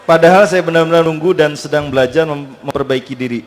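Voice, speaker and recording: A man's voice: fairly high pitch, quick pace, a little hiss or hum. A man politely reading out a question sent in to the preacher, with small hesitations. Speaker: question reader.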